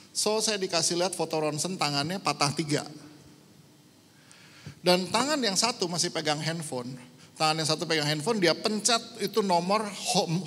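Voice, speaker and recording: A middle-aged man from Indonesia preaching a sermon as a pastor, telling a story and dropping English phrases into his talk. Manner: storytelling, lively swings in pitch and loudness, mixing in English phrases. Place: church hall. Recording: church hall with long reverb.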